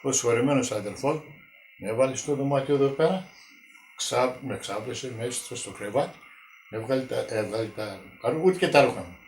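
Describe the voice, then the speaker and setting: A man, telling his wartime memories in a halting, repetitive way during an oral history interview at home. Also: medium pitch, a little mellow. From Greece. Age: 90s. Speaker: witness interviewee. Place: village home indoors. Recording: echoey room with faint noise.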